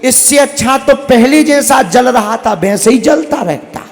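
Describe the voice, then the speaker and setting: An exasperated village wife grumbles at her stove in slow, drawn-out rustic tones, as a male preacher puts her on. The voice sits high and rings out through a large reverberant hall, with soft music underneath. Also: expressive, vocal fry, exaggerated voice.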